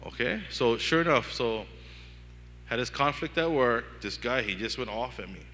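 Hawaii pastor w/ pidgin accent preaching, bright punchy voice, big echoey church hall. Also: male voice, medium pitch, moderate pace, slight background noise. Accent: Hawaiian Pidgin-tinged English. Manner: animated storytelling with acted-out inner dialogue. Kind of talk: sermon.

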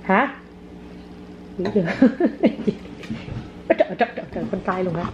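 A woman's voice: medium pitch, expressive, fast, highs cut off. A woman, a mother playfully teasing and exclaiming while she films her child at home. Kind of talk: casual home vlog. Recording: noisy home phone recording.

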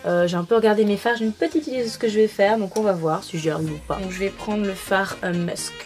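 A woman's voice: mid-range voice, fast, a little mellow, faint music behind. Chatty woman narrating a makeup tutorial. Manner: chatty, many fillers. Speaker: beauty vlogger.

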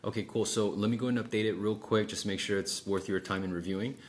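The recording, made indoors in a small office meeting room, has clearly noisy room sound. A middle-aged man with a lowish, fairly even voice talks fast as he gives casual one-on-one coaching, acting out example sales exchanges and checking in often.

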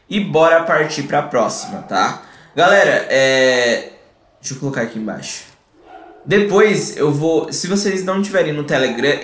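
A man's voice: a little high, fairly bright tone. Brazilian man teaching English live, echoey room. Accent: Brazilian Portuguese. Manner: explains in Portuguese, models English phrases slowly, reads chat aloud. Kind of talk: live online English lesson. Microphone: desk microphone.

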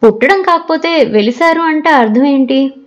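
A woman voicing a calm, kind teenage girl student who speaks gently and reassuringly. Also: high-pitched, normal speed, lo-fi sound, voice pushed up, lightly acted.

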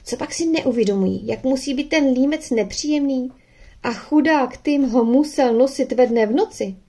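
A woman calmly narrating a children's adventure audiobook. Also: a little high, slightly rough. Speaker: audiobook reader. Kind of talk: storybook narration.

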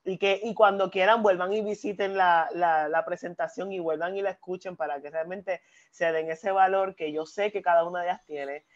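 Woman co-host, earnest, emotional, halting restarts, slightly muffled lo-fi sound. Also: fairly low pitch, fairly even intonation. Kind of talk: casual heartfelt chat.

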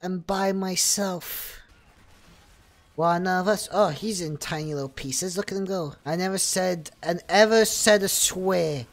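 A young man streaming a game while drunk, rambling and boasting playfully, with sudden shouts when fights break out. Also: high-pitched, a little slow. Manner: bursts into shouting during fights. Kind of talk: drunken gameplay chatter.

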